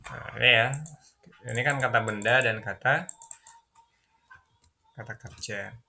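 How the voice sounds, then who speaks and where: A man's voice: medium pitch, fairly even intonation, measured pace, gravelly, bright, forceful tone, a little hiss or hum. A man with an Indonesian accent teaching an English lesson, repeating and translating each word with frequent fillers. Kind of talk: classroom lesson explaining vocabulary.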